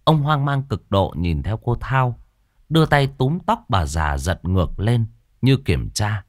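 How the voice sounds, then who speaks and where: A man's voice: lowish voice, sing-song, measured pace, no echo, clean studio sound. A man narrating a horror story in a dramatic, suspenseful storytelling voice.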